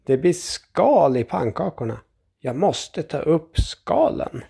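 A flustered old grandfather, exasperated and quick to cry out, his voice jumping high and loud above a gravelly, husky base, as a man reads him in a storybook. The tone stays dark and worn even when he is at his wits' end. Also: full character voice. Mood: fussy. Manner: exasperated, cries out in alarm.

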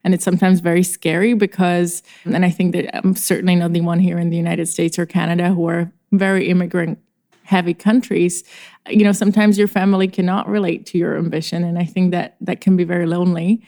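Low-voiced woman entrepreneur on a podcast. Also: level tone, a little fast, dark tone. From former Soviet Union, Czech. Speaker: entrepreneur guest. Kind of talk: podcast interview.

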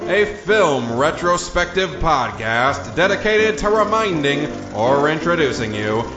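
A man's voice: fairly high pitch, very animated, a little slow. A man reading a scripted podcast introduction in a theatrical, portentous way. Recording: roomy echo under music.

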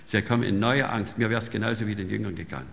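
A man delivering a sermon with a gravelly, bright voice. He talks conversationally and keeps tagging sentences with a questioning "ne?". His voice rings with a long reverb in a large hall. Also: on the low side, quick pace. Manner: conversational, often tags sentences with "ne?". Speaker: preacher.

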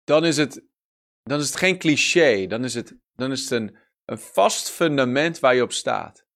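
A man preaching a sermon, stressing his points by repeating them and slowing down for emphasis. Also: medium pitch, expressive, gravelly, a bit bright. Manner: emphatic, repeats key phrases, slows down for stress.

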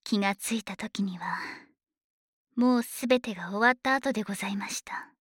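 In this Japanese ASMR voice drama, a woman plays a doting, gloating dragon maid who is obsessive and possessive. Her medium-pitched, everyday-sounding voice is breathy and whispery as she slowly uses honorific servant phrases, softly teasing and menacing. The close-mic studio recording is dry.

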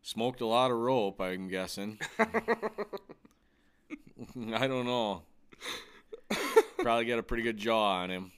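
A man in his thirties trading casual sports talk, blunt and profane, given to heated rants. His voice sits a bit low. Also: unhurried, pauses often, a bit bright, clean tone. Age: 30s.

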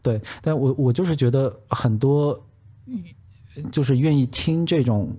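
A man with a mellow, soft-edged voice and a husky grain chats casually as a podcast co-host. He rambles and corrects himself mid-sentence, stopping to clarify what he means before carrying on. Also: medium pitch, a little slow. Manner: rambling, self-correcting storyteller. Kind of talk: casual chat.

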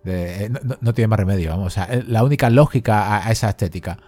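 A man from Spain talks through a film in a loose, rambling way, stopping and restarting often. His voice sits low and sounds soft and mellow. The recording is dry and close, with no room sound. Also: fast talker, dry recording, soft background music. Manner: rambling, many fillers and restarts. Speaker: podcast co-host. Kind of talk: casual film discussion.

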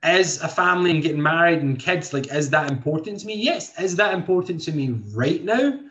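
A man's voice: on the high side, expressive, brisk, fairly bright tone. A man, hosting a motivational podcast in an earnest way, thinking aloud with many restarts. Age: 20s. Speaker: podcast host and coach. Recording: dull lo-fi sound.

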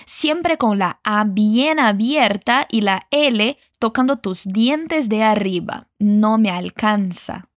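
A woman teaching a lesson, modeling phrases slowly and carefully for learners to repeat. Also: a little high, animated, dry recording, clean studio sound. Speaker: Spanish teacher. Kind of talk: language lesson narration.

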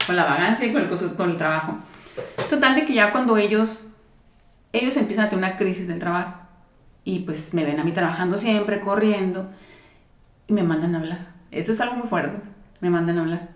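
Mexican woman, quick animated storyteller, casual chat, roomy echo. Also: lowish voice, recorded from a distance. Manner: animated storyteller acting out quoted dialogue. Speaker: dentist telling her story.

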